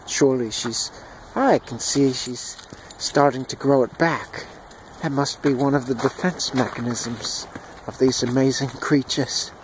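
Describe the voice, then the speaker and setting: Man, average pitch, hushed mock-serious nature-doc narration, outdoor handheld recording with birdsong and noise. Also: steady tone, measured pace. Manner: hushed, mock-solemn documentary delivery. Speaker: home video narrator. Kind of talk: mock wildlife documentary narration. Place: outdoors in a yard with chickens and dogs. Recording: outdoor noise with bird calls.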